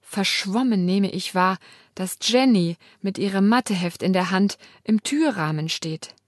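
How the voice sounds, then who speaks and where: A woman reads a first-person novel aloud with dramatic, emotional delivery at a mid-range pitch. The recording is dry and close-miked, with no room sound. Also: measured pace, no room sound. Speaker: audiobook narrator. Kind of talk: first-person audiobook narration.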